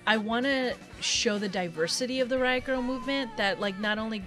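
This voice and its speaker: A woman's voice: on the high side, a little fast. A woman co-hosting a podcast in casual music chat, loose and profane, full of fillers. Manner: casual, swears often, many fillers. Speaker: podcast co-host.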